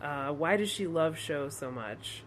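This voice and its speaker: A woman's voice: low voice, expressive, a little slow, a loud crowd. A woman as a podcast guest in casual chat, making dry joking asides and laughing easily.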